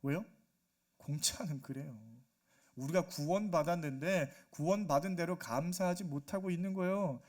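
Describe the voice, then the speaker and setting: A man preaching a Sunday sermon as pastor, animated, acting out quoted voices and asking the congregation questions. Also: on the high side, moderate pace. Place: church sanctuary.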